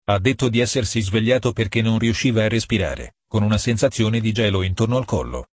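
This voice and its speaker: A man reading a novel aloud as narrator, in a steady, measured way. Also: lowish voice, breathy edge, dry recording, clean studio sound. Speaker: audiobook narrator. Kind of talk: scripted narration.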